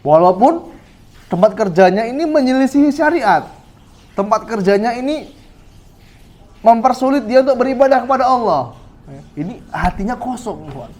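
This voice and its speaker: A man's voice: very high-pitched, lively intonation, normal speed, pauses often, a little mellow. A male Islamic preacher giving a study sermon, asking rhetorical questions and checking in with "ya" as he addresses the brothers. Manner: rhetorical questions, frequent "ya" to the audience.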